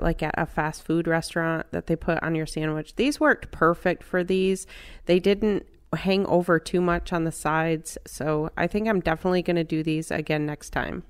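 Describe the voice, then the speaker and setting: A middle-aged woman narrating her home cooking step by step in a relaxed, chatty way. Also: on the low side, clear, resonant tone. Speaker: cooking channel host.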